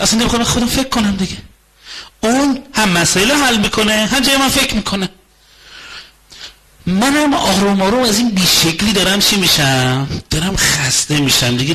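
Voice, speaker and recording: A man with a slightly high, husky voice talks through a marriage in conversational lecture style. He repeats phrases for rhythm and slips into acting out both husband and wife in rapid exchanges, with a forceful edge to his delivery. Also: rough recording. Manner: acts out both spouses in quick dialogue. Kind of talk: lecture on relationships.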